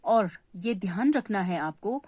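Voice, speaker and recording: A woman's voice: mid-range voice, lively intonation, unhurried, a little mellow, slight background noise. A woman teaching a Hindi lesson to young children, patient, repeating key words and answering her own questions. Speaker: primary school Hindi teacher.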